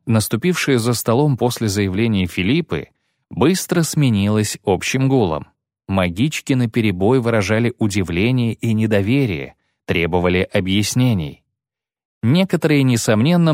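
A man reading an audiobook with expressive narration. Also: fairly low pitch, no room sound, studio quality. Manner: expressive storytelling. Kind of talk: scripted narration.

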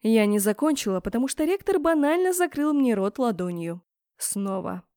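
Woman reading a romance fantasy story, dramatic, mellow voice, dry close mic. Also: fairly high pitch, big pitch swings, moderate pace, dry recording. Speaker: audiobook narrator. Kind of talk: first-person romance fantasy narration.

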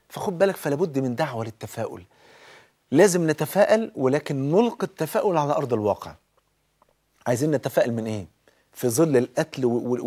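A man with an Egyptian accent giving a colloquial religious talk, speaking straight to the listener and slowing down to quote scripture. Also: fairly high pitch. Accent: Egyptian Arabic. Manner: exhorting, addresses listener directly, quotes scripture slowly. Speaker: preacher.

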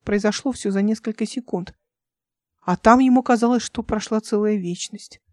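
A woman reading her own science fiction audiobook in steady, even narration on a close microphone. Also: mid-range voice, moderate pace, no room sound. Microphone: home microphone, close.

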